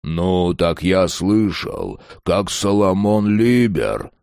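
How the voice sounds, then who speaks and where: A man voicing a crude, brutal ex-convict who talks in a gruff growl. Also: low voice, very animated, takes it slowly, a little mellow, no room sound, clean studio sound, heavily acted. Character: rough thuggish male ex-convict, crude and brutal.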